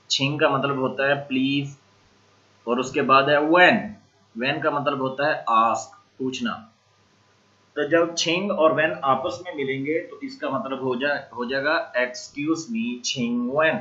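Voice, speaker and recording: A man's voice: mid-range voice, bright, forceful tone, dull audio. A man teaching a recorded language lecture who says each new word several times and spells it out. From Pakistan.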